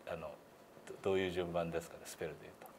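In an indoor meeting room, with background room noise clearly audible, a man teaches a hands-on pronunciation lesson by demonstrating individual sounds. His voice is low and flat but races along, and he stays polite and encouraging, chuckling often.

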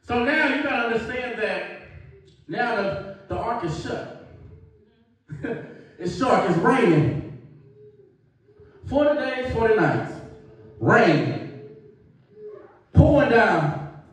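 A man preaching a lively sermon as minister, playful and laughing, acting out voices and scenes. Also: extremely high pitch, takes it slowly, long pauses. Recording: echoey hall from far off.

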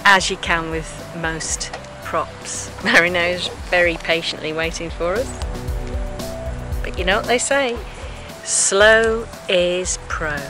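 A cheerful, chatty middle-aged woman narrates a sailing vlog at a slow, unhurried pace. Clear background music plays under her voice. She sounds relaxed and friendly, like she is talking to viewers who know the show. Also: on the low side, low-quality recording. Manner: cheerful, chatty, laughs often. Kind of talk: casual vlog narration and chat. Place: outdoors on a sailboat in a marina.

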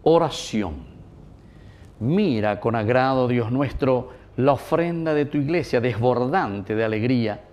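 In a small wood-panelled chapel, a man recites liturgical prayers as a priest at Mass, solemn, measured and formal. His mid-range voice has a darkish tone and lively intonation, picked up on a lapel mic with lo-fi sound.

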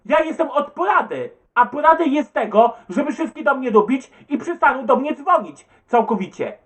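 A man's voice: extremely high pitch, sing-song, normal speed, a bit bright. A man who answers viewer comments in an agitated, stumbling rant, swearing and repeating himself. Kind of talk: rambling webcam rant.

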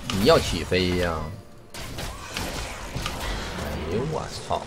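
A man's voice: low-pitched, slow pace, loud music behind the voice. A man giving live commentary on his own game, cursing and joking wryly as he plays. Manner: animated, cursing, wry running commentary. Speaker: game streamer.

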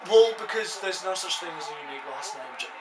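A man's voice: high-pitched, lively intonation, fast talker, a crowd in the background. A man, casually bantering and teasing friends while playing a football video game. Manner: teasing, laughs often. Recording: roomy, noisy home recording.

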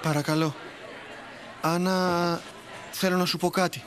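A man's voice: high-pitched, flat delivery, a crowd in the background, lightly acted. A man dubbing an easygoing young man. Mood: friendly. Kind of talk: dubbed teen TV drama. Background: faint background score.

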